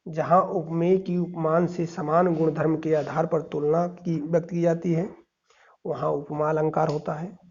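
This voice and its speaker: A man's voice: fairly high pitch, little pitch movement, a little slow, darkish tone, muffled recording. A male teacher giving an exam-prep grammar lesson, explaining step by step and reciting verse examples.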